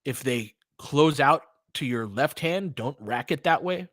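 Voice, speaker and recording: A man with an ordinary male pitch delivers casual live basketball commentary with an analyst's eye, shifting from short, clipped calls to conversational tactical asides. His intonation is lively, his pace a little slow, and his tone a bit bright. The recording is dry, with very little room sound.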